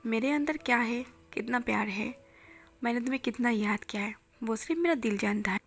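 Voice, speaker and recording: A woman voicing a quiet, intense young man in love. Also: fairly high pitch, brisk. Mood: tender. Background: faint music.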